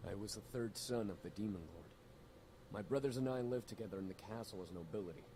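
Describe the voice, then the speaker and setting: A man's voice: on the low side, fast talker, warm tone, a little hiss or hum, natural voice, low-quality recording. A man voicing Sam, a young demon noble. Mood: blunt. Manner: blunt, swears casually. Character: young male demon noble, guilty, rebellious. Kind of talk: game voice acting.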